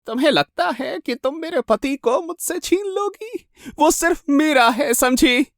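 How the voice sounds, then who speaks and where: A man voicing an unhinged, jealous woman who taunts with slow, drawn-out menace in a horror storybook narration. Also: very high-pitched, animated, fairly bright tone, no echo, studio quality, voice pushed up, full character voice. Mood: crazed, taunting. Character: unhinged jealous knife-wielding woman, shrill.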